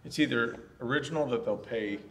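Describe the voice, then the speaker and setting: A man's voice: mid-range voice, a little fast, fairly bright tone. A man on a panel who speaks in a dry, matter-of-fact way. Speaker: panelist, artist. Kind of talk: casual panel chat. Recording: noisy background.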